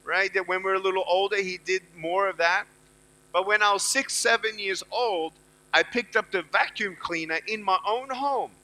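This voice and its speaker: A man's voice: sits high, moderate pace, bright, forceful tone, rough recording. A middle-aged man giving a motivational speech to students at a university event. He talks emphatically and repeats his key phrases. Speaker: motivational speaker.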